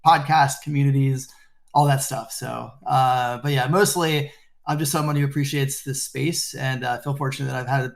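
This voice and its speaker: A middle-aged man introducing himself as a panel guest in a relaxed, modest way, over a video call. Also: medium pitch, moderate pace, creaky. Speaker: panel guest, talent leader. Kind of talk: casual self-introduction.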